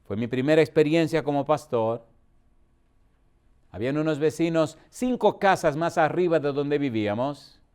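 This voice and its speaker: A man's voice: fairly high pitch, lively intonation, normal speed, darkish tone, smooth. A middle-aged male pastor from the Dominican Republic, preaching a storytelling sermon with rhetorical questions and acted-out dialogue.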